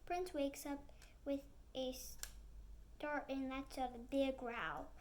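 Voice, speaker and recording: Sex: female. Role: storybook reader. Style: first-person chapter book read aloud. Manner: small slips, acted sound effects. Pace: slow. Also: sits high, steady tone.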